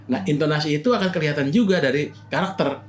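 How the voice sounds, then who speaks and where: A man's voice: fairly high pitch, fast. A man casually explaining acting methods, often breaking into short acted example lines. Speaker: acting teacher.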